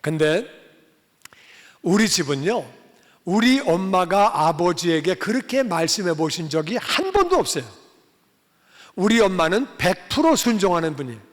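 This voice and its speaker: A man preaching a sermon as pastor, telling a family story in an animated way and acting out the dialogue. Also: high voice, moderate pace, pauses often. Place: church sanctuary. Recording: long church-hall reverb.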